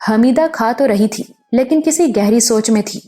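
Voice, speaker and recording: A woman calmly narrating a novel as an audiobook. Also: fairly high pitch. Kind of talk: scripted narration.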